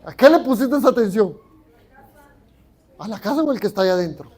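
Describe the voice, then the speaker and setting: Conversational Mexican pastor preaching. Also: male voice, sits high, expressive, quick pace, a little mellow. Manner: conversational, asks the congregation questions. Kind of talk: sermon. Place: church.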